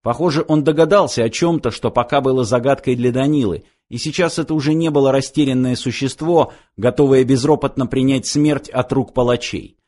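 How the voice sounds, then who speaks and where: A man reads a story aloud as an audiobook narrator, in an even, measured way. His voice sits at a middling pitch for a man. He keeps a steady storytelling flow.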